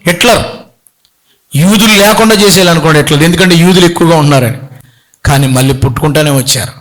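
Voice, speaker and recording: A middle-aged man preaching a sermon, telling stories with acted-out voices and swings between loud pleading and quiet speech. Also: fairly high pitch, fast. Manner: animated storytelling, acts out voices, pleading shouts. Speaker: bishop preaching.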